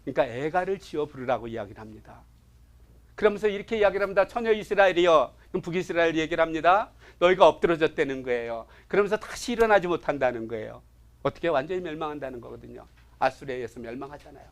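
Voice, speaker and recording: A man with a high, light voice lectures on scripture to a class. He keeps firing rhetorical questions at his listeners and nudges them along with quick interjections. His delivery is animated and swings between loud and soft. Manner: asks the audience rhetorical questions; prods listeners with short interjections. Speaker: Bible teacher.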